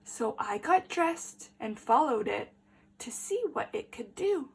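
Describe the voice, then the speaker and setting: With a fairly high, husky voice, a female teacher reads a picture book aloud to kids. She's lively and deliberate, pausing to ask them questions.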